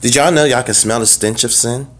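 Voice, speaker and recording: A man's voice: medium pitch, a little fast, fairly bright tone. A young man giving a personal faith testimony in a conversational way, talking straight to his listeners and often laughing. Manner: conversational, addresses the audience directly, laughs often. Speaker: testimony speaker.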